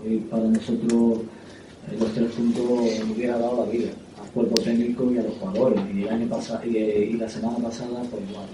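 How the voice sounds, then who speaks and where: A man, a football coach, answering at a press conference in a halting way, often repeating words and filling pauses with "eh". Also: mid-range voice, level tone, background noise. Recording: echoey room, distant mic.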